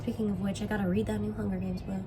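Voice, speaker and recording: Young woman with vocal fry, chatting casually. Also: medium pitch, little pitch movement, very fast, background noise. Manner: informal, slangy, frequent "like". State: sore throat. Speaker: vlogger, musician and sketch writing student.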